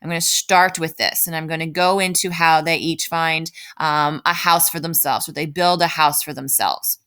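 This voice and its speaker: An elementary school writing teacher leads an informal lesson step by step, thinking aloud and often checking in with "right?" Her deep, resonant voice stays steady at a normal speed and comes through clear and a bit bright.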